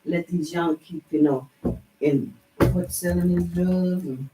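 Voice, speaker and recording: A woman's voice: lowish voice, steady tone, takes it slowly, music in the background. An older woman, rambling through memories at a community meeting, often restarting her sentences. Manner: rambling, with frequent restarts and chuckles. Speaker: elder at a community heritage meeting. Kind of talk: casual reminiscing in a group. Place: indoor meeting room. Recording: roomy, from far off, faint background noise.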